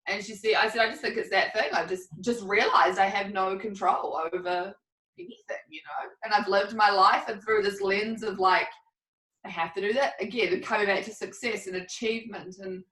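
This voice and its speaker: A woman's voice: medium pitch, fairly even intonation, normal speed, pushed and bright. A woman co-hosting a podcast in a casual chat, rambling and candid, laughing often. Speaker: podcast co-host. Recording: roomy, a bit distant from the mic.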